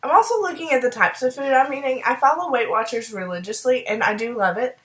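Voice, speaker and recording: A woman chatting upbeat in a casual video diary, fighting off a cold and clearing her throat now and then, with frequent ums. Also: on the high side, quick pace. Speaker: video diarist. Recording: roomy echo.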